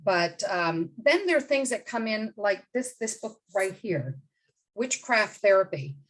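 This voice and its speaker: A woman's voice: medium pitch, sing-song, a little slow, rough recording. A woman in her fifties from the Bahamas, a literary agent answering interview questions in a direct, emphatic way. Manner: direct and emphatic, with many asides and restarts.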